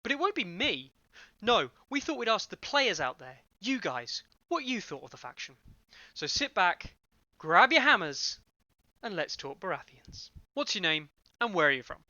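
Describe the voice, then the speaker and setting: A man's voice: sits high, big pitch swings, moderate pace, bright, forceful tone, no room sound. A man hosting a gaming interview show, upbeat and announcer-like, reading scripted questions. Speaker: podcast host. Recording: muffled lo-fi mic.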